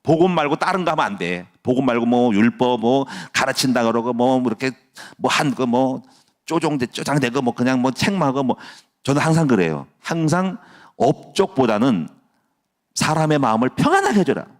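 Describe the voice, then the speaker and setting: A middle-aged man preaching a dawn sermon as pastor, jokey and lively, laughing often and dropping to a near hush at times. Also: mid-range voice, moderate pace.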